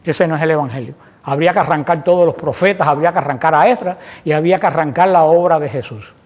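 High-voiced man preaching a sermon. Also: quick pace. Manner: asks rhetorical questions and acts out everyday prayers. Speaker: preacher leading a Bible study.

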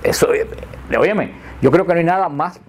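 A man's voice: fairly high pitch, normal speed. Chatty older man teaching catechism. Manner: chatty, jokey storyteller who laughs at his own slips. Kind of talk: informal teaching to a group.

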